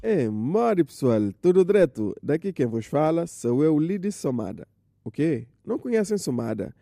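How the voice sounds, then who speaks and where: A man with a Cape Verdean accent hosting a comic monologue, telling animated stories with acted dialogue. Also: fairly high pitch, moderate pace, gravelly, no room sound, studio quality, soft background music. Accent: Cape Verdean Portuguese. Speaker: comedian host.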